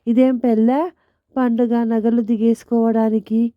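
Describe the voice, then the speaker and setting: A woman's voice: fairly high pitch, flat delivery, measured pace, no room sound, lightly acted. A woman voicing a grumpy, sarcastic middle-aged husband who scolds and teases his wife in a storybook tale. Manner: scolding, teasing. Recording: dull lo-fi dry recording.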